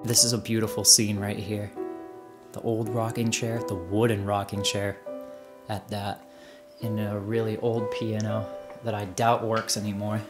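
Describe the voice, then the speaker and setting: A man in his twenties, an urban explorer vlogger, narrates casually while wandering the rooms of an abandoned house, musing and wondering aloud. His voice is fairly low with little pitch movement and a slightly slow pace, and music plays in the background.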